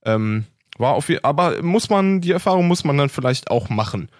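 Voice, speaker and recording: A man's voice: a little high, lively intonation, moderate pace, no echo. Man trading dry quips. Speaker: podcast co-host. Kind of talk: casual chat.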